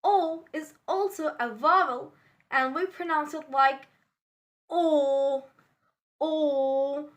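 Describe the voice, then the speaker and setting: A woman teaching a pronunciation lesson, addressing viewers directly and repeating model words slowly for them to copy. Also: sits high, a bit bright.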